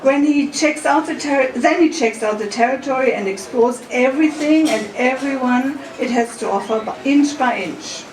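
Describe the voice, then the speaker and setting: A woman's voice: high voice, moderate pace, few pauses, a little hiss or hum. A woman giving a wedding speech, telling anecdotes with light laughs. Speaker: wedding speaker. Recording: echoey hall, distant mic, crowd behind.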